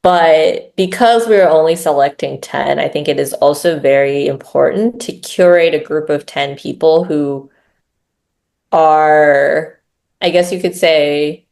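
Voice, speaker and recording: Low, gravelly-voiced woman chatting casually. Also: unhurried, a little mellow. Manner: chatty, filler-heavy, frequent tag questions. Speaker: growth lead, interview guest. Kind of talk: casual interview talk.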